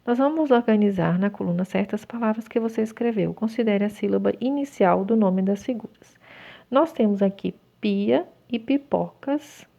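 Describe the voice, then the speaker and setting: A woman teacher with a Brazilian Portuguese accent, slowly talking children through a textbook exercise and spelling words out one by one. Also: mid-range voice, gravelly, mellow. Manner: slow, drawn-out word by word dictation. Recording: tinny phone-like recording.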